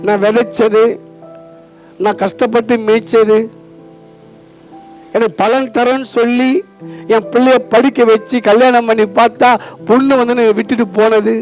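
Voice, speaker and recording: A man's voice: very high voice, steady tone, normal speed, long pauses, darkish tone, faint music behind, rough recording. A man with a Tamil Nadu accent preaching a fervent sermon, calling out to his listeners and repeating lines back to them. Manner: fervent preaching, calls out to listeners, call-and-response. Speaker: pastor.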